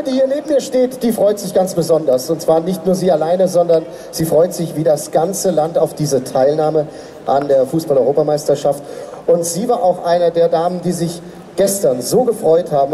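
Male pageant host on an outdoor stage: dark, chatty, handheld mic, rousing the crowd. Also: on the high side. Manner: chatty, anecdotal, audience-rousing. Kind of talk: stage hosting.

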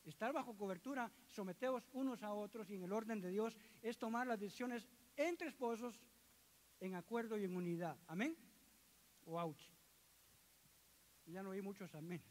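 A middle-aged man preaches to his congregation in a strikingly high voice. He jokes with the listeners and slips into quoted voices as he talks. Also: a little fast. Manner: lively, joking with the congregation, acting out quoted voices. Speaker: church elder preaching. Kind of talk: sermon.

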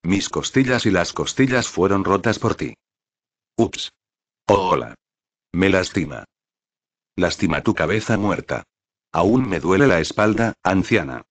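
Brief: whiny old landlord from a storybook, blustering, low and dry, read by a man. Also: expressive, a little slow, pauses often, no echo, exaggerated voice. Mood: whining. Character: pompous, brawling old male landlord.

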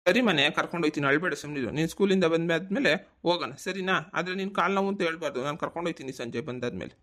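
A fast-talking village dad. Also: male voice, on the high side, fairly bright tone. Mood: soothing. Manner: coaxing, fatherly. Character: affectionate village father home from the city. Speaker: cartoon voice actor. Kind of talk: cartoon voice acting.

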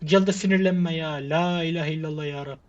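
A man's voice: a little high, steady tone, fairly quick, darkish tone. A man giving frustrated gameplay commentary, muttering to himself, sighing and cursing at the game. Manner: exasperated, muttering to himself, swearing and sighing prayers. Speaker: gamer. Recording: slightly muffled with faint hiss.

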